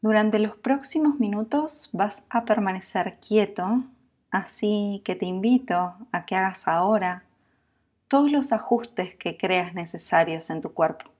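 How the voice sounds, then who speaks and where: A woman with a medium-pitched voice and a Latin American Spanish accent that uses voseo guides a yoga nidra sleep meditation. She speaks calmly and soothingly, never rushing, and leaves long pauses.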